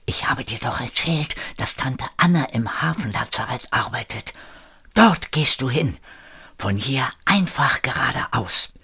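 A man voicing an old grandmother who talks in hushed, urgent whispers in an audiobook story. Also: mid-range voice, expressive, unhurried, slightly rough, exaggerated voice. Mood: tender.

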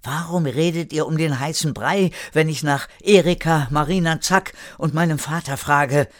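An older man voicing an anxious young man in a spoken family story, his voice pushed up high and urgent with pleading questions. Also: normal speed, no echo, studio quality, close to an everyday voice. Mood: insistent.

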